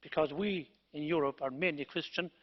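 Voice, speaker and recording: A man's voice: a little high, brisk. A man addressing a parliament debate in an emphatic, declaiming delivery. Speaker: member of parliament. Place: parliament chamber. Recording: reverberant chamber, muffled broadcast feed.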